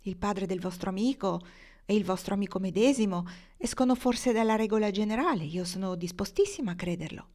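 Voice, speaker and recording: A woman's voice: medium pitch, a little fast, darkish tone, close to an everyday voice. A passionate young woman poet, read by a woman. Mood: earnest.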